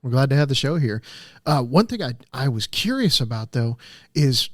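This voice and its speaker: A man's voice: medium pitch, big pitch swings, moderate pace, no echo, clean studio sound. A man hosting a casual interview in a conversational way. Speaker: interview host.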